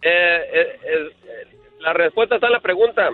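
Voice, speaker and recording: High-voiced man on a tinny phone line. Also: normal speed, soft background music. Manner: playful riddle telling. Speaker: caller. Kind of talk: phoned-in joke.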